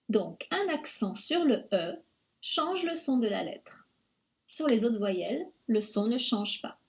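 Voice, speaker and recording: A woman narrating a French pronunciation lesson in a slow, careful, over-articulated way. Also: on the high side, lo-fi sound.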